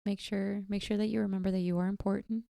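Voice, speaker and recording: A woman's voice: medium pitch, flat delivery, quick pace, creaky, dark tone, dry recording, clean studio sound. A woman co-hosting a casual podcast chat, talking freely with lots of "like" and "you know". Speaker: podcast co-host.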